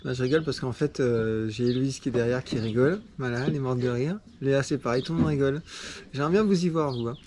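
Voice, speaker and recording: A man's voice: mid-range voice, quick pace, noisy background. Casual male trail-running vlogger, rambling delivery full of fillers, outdoor handheld recording. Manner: chatty, rambling with many fillers. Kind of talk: casual vlog chat. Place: outdoors after a race.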